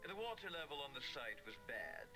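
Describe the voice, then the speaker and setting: An actor playing a self-important, officious theater stage manager in a video game, explaining things in a pompous, deliberate way. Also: male voice, mid-range voice, sing-song, music in the background. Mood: lecturing. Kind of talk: adventure game voice acting.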